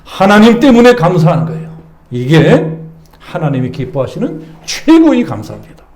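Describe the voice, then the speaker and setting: A high-voiced male pastor preaching a storytelling sermon, his pitch leaping up and down. He moves from hushed asides to loud exclamations. The sound rings around an echoey church sanctuary. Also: huge pitch swings, normal speed, a crowd in the background.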